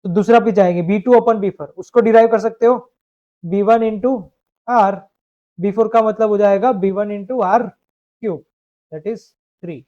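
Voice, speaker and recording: A high-pitched man works through a math problem in a live online class, checking step by step that his students follow. The sound is dull and lo-fi, like a compressed stream. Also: a little slow, warm tone. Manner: explains step by step, asks students to confirm. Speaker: math teacher.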